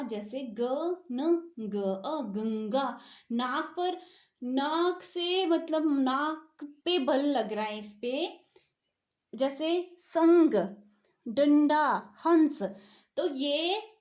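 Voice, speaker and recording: A woman teaches a grammar lesson in a high, bright-toned voice. She speaks slowly, asks her own questions and answers them, and repeats the key words. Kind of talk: explaining Hindi grammar.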